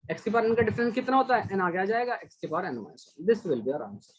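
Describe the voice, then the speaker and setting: A man's voice: high-pitched, sing-song, quick pace, poor audio. A man teaching a math class online, patiently explaining steps and praising students by name as he checks their answers.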